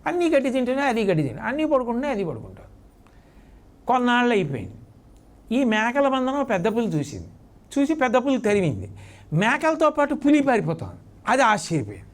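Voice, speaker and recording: Man telling a sermon story. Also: very high-pitched. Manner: vivid storytelling, repeats words for effect. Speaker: spiritual discourse speaker.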